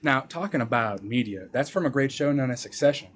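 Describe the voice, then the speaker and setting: A man's voice: mid-range voice, expressive, fairly quick. A man co-casting a video game match, joking and teasing in loose banter. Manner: joking, playful, mock ad-read voice at times. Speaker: esports co-caster. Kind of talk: casual esports casting banter.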